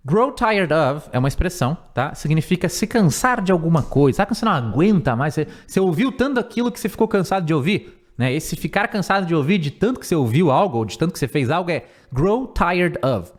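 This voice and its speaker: A man teaches English phrases in a screen-recorded voice-over, with a somewhat high voice that rises and falls a lot. He is patient and repeats each word, slowing right down whenever he gives an example. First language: Portuguese. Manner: patient, repeats and spells out words, slows for examples. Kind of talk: language lesson explaining phrases.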